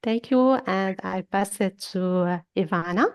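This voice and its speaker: A woman's voice: mid-range voice, measured pace, smooth. A woman from Lebanon, a nurse speaking plainly and earnestly on a video call. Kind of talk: online panel remarks.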